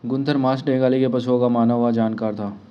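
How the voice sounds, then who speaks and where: A man's voice: medium pitch, little pitch movement, fairly quick, smooth, lo-fi sound. A man reading a comic book aloud as a story, voicing every character's lines himself with light emphasis.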